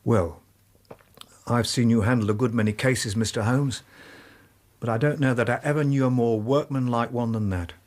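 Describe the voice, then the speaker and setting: An actor playing a plain-spoken, hearty London police inspector with an English accent in a British radio drama, blunt and sincere. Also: male voice, medium pitch, fairly even intonation, moderate pace, close to an everyday voice. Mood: sincere admiration.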